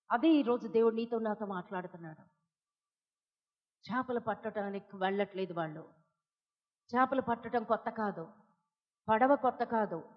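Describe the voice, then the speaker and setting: Impassioned Indian woman preacher, high voice. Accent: Telugu. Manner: impassioned preaching, rising to loud pleas and dropping to hushed asides. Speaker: pastor. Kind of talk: sermon. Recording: dull audio with long hall reverb.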